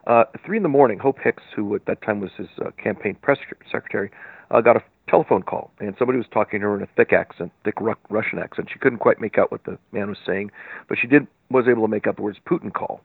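A man's voice: on the low side, quick pace, creaky, breathy edge, dry recording. A man giving a political interview as a guest commentator, recounting events in detail and arguing his point emphatically. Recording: tinny phone line.

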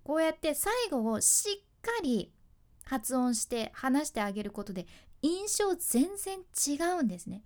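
High-voiced woman with a Hakata accent. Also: measured pace. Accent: Hakata dialect. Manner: chatty, explains with lively asides. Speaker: radio announcer and podcast host. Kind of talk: casual spoken advice podcast.

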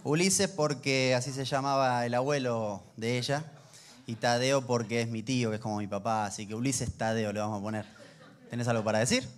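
A man's voice: mid-range voice, fairly quick. A man, preaching a sermon in a conversational, humorous storytelling manner. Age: 30s. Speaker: pastor.

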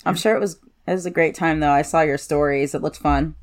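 A woman's voice: deep voice, fairly even intonation, a little fast. A woman co-hosting a casual podcast, talking informally and a little hesitantly, in a self-deprecating way. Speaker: co-host.

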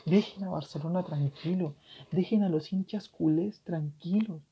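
A tearful man with a Chilean accent hosting a solo podcast, ranting passionately and swearing, his voice swinging from loud to hushed. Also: high voice, a little slow, vocal fry, husky. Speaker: podcast host. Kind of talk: emotional solo podcast rant. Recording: dull lo-fi recording.

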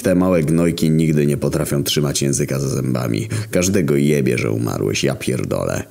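A man's voice: rumbling low, moderate pace, gravelly, darkish tone. A man narrating a crude, sardonic first-person story full of swearing.

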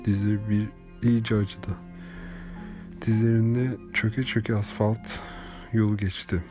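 Male audiobook narrator, low register, even measured delivery, recorded over clear background music.

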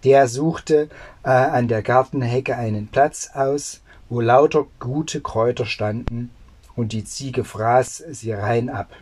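An unhurried storyteller reading a classic fairy tale aloud. The pace is slow and deliberate, and the odd filler and small restart slip in between the sentences. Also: mid-range voice, darkish tone, breathy edge.

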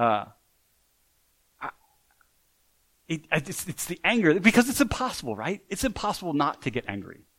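A man's voice: mid-range voice, a bit bright, low-quality recording. A man preaches in a loose, conversational manner. He restarts his sentences often and keeps asking his listeners "right?". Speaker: pastor. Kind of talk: sermon.

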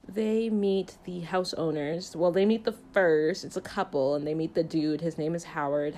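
A woman with a low-pitched, darkish voice gives a casual, chatty movie review. She jokes around, keeps it conversational, and leans heavily on the filler "like."

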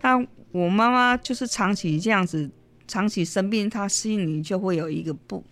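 A middle-aged woman with a Taiwanese accent, an interview guest telling a personal story, lively and acting out the lines she quotes. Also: mid-range voice, moderate pace. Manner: lively storyteller, mixes in Hokkien, acts out quotes.

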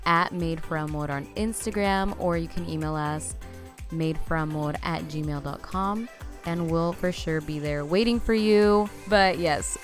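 A young woman hosts a casual faith podcast in a slightly low voice, chatty and upbeat, leaning on fillers as she talks. Soft music plays faintly underneath. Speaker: podcast host.

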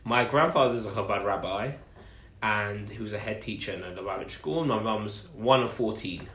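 A man's voice: fairly low pitch, moderate pace, fairly bright tone, a little hiss or hum. A man in his twenties with an Essex accent, chatting casually on a podcast in an earnest way, repeating phrases for emphasis. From Essex and southeast London, England. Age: 20s. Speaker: podcast co-host telling his story. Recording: echoey room.

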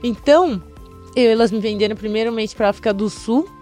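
Young brazilian model chatting in an interview, kinda high voice, very animated storyteller, soft music in the back. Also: female voice, a little fast. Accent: Brazilian Portuguese. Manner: lively storyteller who acts out other people's voices. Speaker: fashion model, interview guest.

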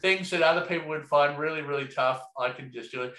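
A man's voice: on the high side, fast talker, pushed and bright. A man talking casually and reflectively, rambling with lots of fillers and the odd swear word. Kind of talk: casual conversation. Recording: echoey room.

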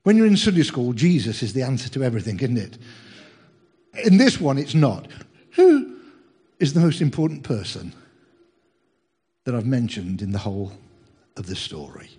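A man's voice: medium pitch, very animated, moderate pace, pauses often, mellow, husky. A man preaching a sermon in a humorous, chatty way, teasing his congregation.

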